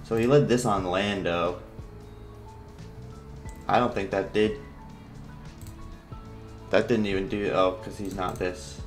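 A man with a fairly low voice commentates a video game battle casually, with music playing behind him. His swollen lip makes his speech slightly off, and he talks in a halting, low-key ramble. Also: fairly even intonation. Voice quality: slightly impeded speech from swollen lips and mouth sores. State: sore, swollen mouth. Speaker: gamer commentating an online battle.

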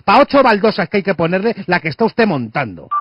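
A man puts on a condescending insurance adjuster from a radio prank, with a Spanish accent from Spain. He is rude and interrupts in a slightly high voice over a dull landline phone. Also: animated, fast talker, slight background noise, lightly acted. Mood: indignant, insulting. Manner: interrupting, accusatory, pompous.

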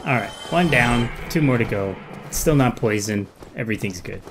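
A man's voice: medium pitch, expressive, moderate pace, background noise. A man giving casual gameplay commentary, muttering short remarks to himself as he plays. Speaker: gamer recording a playthrough.

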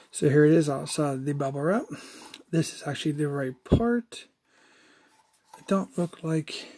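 A man's voice: fairly high pitch, background noise. Casual man narrating a toy unboxing. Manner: conversational, explains step by step with fillers. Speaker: toy collector reviewer.

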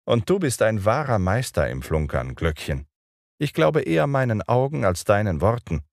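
A man's voice: on the low side, very animated, moderate pace, gravelly, no room sound, clean studio sound, voice pushed up. A man voicing Peter, a cocky, bossy boy, in a raised boyish voice in an audiobook. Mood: scolding.

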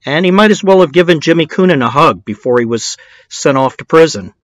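A man's voice: fairly high pitch, lively intonation, brisk, no room sound, highs cut off. A man narrating a true-crime documentary in a conversational, opinionated way, with blunt emphasis.

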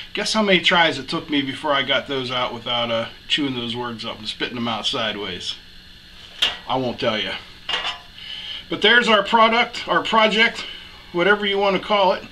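A man's voice: mid-range voice, normal speed, low-quality recording. A man hosting a welding lesson, talking folksy and jokey as he demonstrates in a workshop. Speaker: welding instructor, show host. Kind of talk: casual hands-on demonstration. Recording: loud background shop noise.

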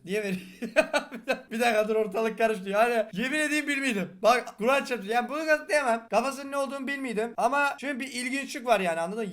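Young male gaming host, regional Turkish dialect, rapid joking delivery, higher voice over light background music. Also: fairly bright tone. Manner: fast-talking, joking, swears often. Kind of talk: casual reaction commentary.

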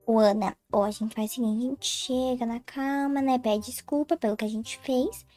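A woman's voice: fairly high pitch, fairly even intonation, normal speed, mellow, faint music behind, close to an everyday voice. A young woman voicing a mischievous twin girl in a Roblox roleplay story, playful and giggly, with exaggerated fake panic. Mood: scheming.

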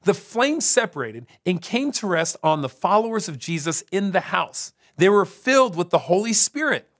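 A man's voice: high voice, very animated, moderate pace, a bit bright. Upbeat man telling a kids' Bible story. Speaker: children's church host. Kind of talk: storytelling for kids.

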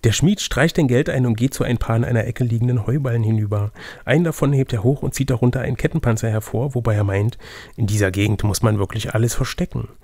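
A fast-talking man with a medium-pitched, darkish voice narrates an adventure gamebook as game master, trading casual banter with his co-player. There's no room sound in the recording.

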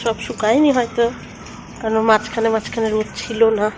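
A woman's voice: fairly high pitch, flat delivery, brisk. A middle-aged woman narrating her family vlog in a chatty, rambling way, often picking up again with filler words. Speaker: family vlogger. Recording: noisy home recording with vehicle sounds.

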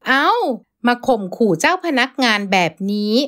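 A woman's voice: on the high side, expressive, normal speed, a bit bright. A woman voicing a bold, teasing young man in an audiobook. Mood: cheeky. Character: cheeky young man, protective younger brother.

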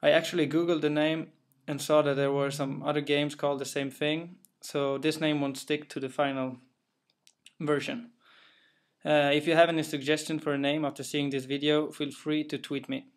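In a narrated gameplay walkthrough, a young man from Sweden talks through the game he made, his English careful, plain, and a bit hesitant with fillers. He has a Swedish accent and a slightly high voice, speaking flatly at normal speed.

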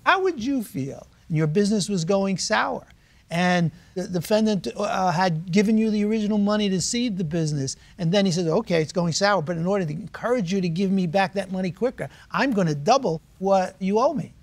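An older man serving as a judge on a television court show, questioning a litigant and then laying out his reasoning in a measured way. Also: high voice. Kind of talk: courtroom deliberation. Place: TV courtroom studio.

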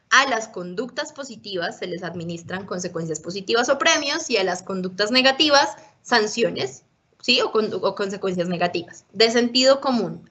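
A woman lectures parents in a workshop, her voice bright and forward. She explains step by step and keeps checking that her listeners follow. The recording is dull and lo-fi. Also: mid-range voice. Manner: instructive, often checks in with listeners.

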